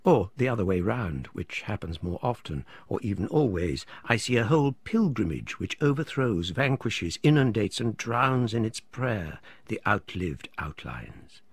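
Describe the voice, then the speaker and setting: A man's voice: lowish voice, very animated, measured pace, hardly any pauses, slightly rough, no echo, full character voice. A man voicing a theatrical male artist who laments in fervent, declamatory speech.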